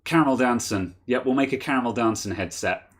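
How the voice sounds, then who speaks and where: A man's voice: mid-range voice, fairly quick. A man co-hosting a casual tech chat, rambling, restarting sentences and laughing often. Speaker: podcast co-host.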